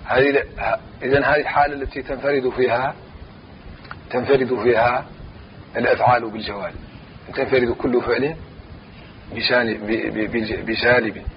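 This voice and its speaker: Man slowly reciting and explaining grammar. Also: medium pitch, steady tone, muffled recording, a little hiss or hum. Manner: slow measured recitation, repeats phrases. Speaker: teacher. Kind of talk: Arabic grammar lesson, reciting and explaining verse.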